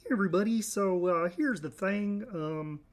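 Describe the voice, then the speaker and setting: A man's voice: normal speed, natural voice. A man doing a nasal impression of a cheerful male frog puppet. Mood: chirpy. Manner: high nasal wobbly impression.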